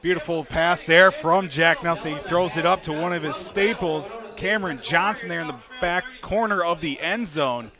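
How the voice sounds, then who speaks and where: A male color commentator breaks down football plays and replays. His voice sits a little high, and clear outdoor crowd noise runs behind it. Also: normal speed, hardly any pauses. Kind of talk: sports analysis and replay commentary.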